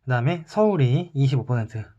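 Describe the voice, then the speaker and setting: A man's voice: medium pitch, fairly quick, lo-fi sound. Man teaching math, step by step. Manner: calm, explains step by step while drawing. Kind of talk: online math lesson.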